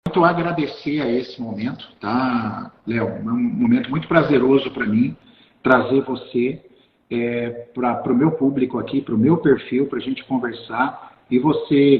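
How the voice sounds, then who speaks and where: An effusive, enthusiastic man hosting a live online interview, often breaking off and restarting his sentences. His voice rings out in a roomy space with a long echo trailing behind it. His pitch sits in a middle range. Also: highs cut off. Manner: effusive, halting, many restarts. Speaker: host. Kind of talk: live video-call interview. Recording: roomy, echoey sound.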